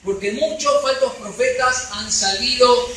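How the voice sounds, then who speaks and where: A man's voice: extremely high pitch, a little slow, pushed and bright, slight background noise. A man with a Rioplatense accent preaching a sermon in a church, emphatic, checking in with the congregation. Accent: Rioplatense Spanish. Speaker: pastor. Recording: echoey hall, voice from far off.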